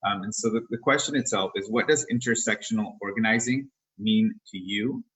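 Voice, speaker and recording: A man's voice: on the low side, fairly quick, a bit bright, low-quality recording. A man moderating a panel discussion, putting a question to the speakers.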